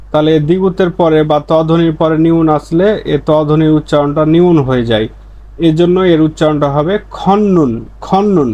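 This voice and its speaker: Man slowly repeating Korean words for learners. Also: on the high side, a little mellow. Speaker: Korean language teacher. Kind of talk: explaining pronunciation rules.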